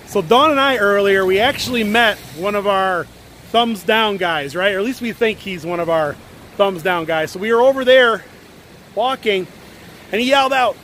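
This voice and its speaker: Yankee guy doing a travel vlog, kinda high voice, lots of "right?", noisy street behind. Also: sharp tone. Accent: Northern US. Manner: chatty, keeps asking "right?". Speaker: vlogger. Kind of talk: casual travel vlog chat. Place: out and about on a rainy tourist street.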